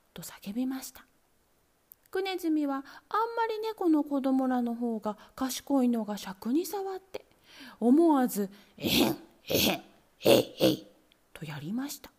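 A woman narrating a children's storybook in a gentle, expressive way. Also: high voice.

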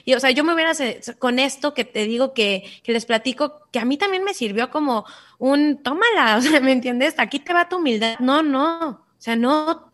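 A woman with a Mexican accent telling a personal story in an interview, animated and acting out voices. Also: fairly high pitch. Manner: animated, acts out quoted voices. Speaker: guest.

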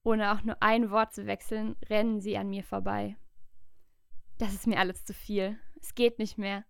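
A woman's voice: mid-range voice, level tone, moderate pace, vocal fry, smooth, no room sound, studio quality. A woman narrating a dramatic story in the first person, earnest and emotional.

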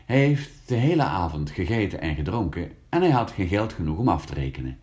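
A man reading a children's story aloud, slow and expressive, lifting his voice for the characters. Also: low-pitched.

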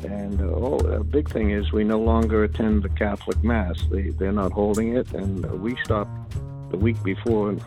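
A caller leaving a halting voicemail, restarting his words. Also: deep voice, steady tone, mellow, soft background music. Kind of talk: casual voicemail.

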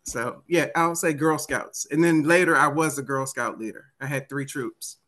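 Woman in her 50s w/ dc accent, low-ish pitch, really bright voice, telling stories in an interview. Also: normal speed. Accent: Washington DC. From United States, Washington DC area. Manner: acts out remembered dialogue. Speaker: interview guest, author and motivational speaker. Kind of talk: animated conversational storytelling.

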